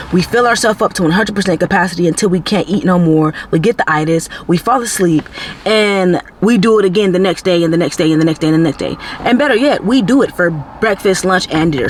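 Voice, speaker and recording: With a voice sitting slightly high for a man, this vlogger speaks straight to camera about self-improvement in a conversational, faith-based way that leans preachy. He's earnest, constantly reaching for "like" and "you know," while a faint hiss of noise runs beneath him.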